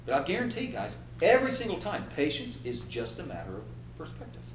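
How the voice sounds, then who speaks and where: A man in his fifties giving an animated motivational workshop talk and acting out inner voices. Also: fairly high pitch, brisk, echoey room, far from the mic, background noise. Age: 50s. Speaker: trainer.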